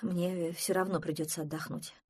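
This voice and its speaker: A simple-hearted male creature from a children's tale, soft and dreamy, as a woman acts him out. The voice is husky and dry. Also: lowish voice, flat delivery, moderate pace, no echo. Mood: gentle.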